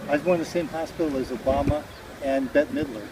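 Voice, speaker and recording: A middle-aged Hawaiian street musician, speaking quickly in a voice on the high side, rambles casually and philosophically while being interviewed outdoors by a beach park. Loud outdoor background noise, including passing vehicles, fills the recording.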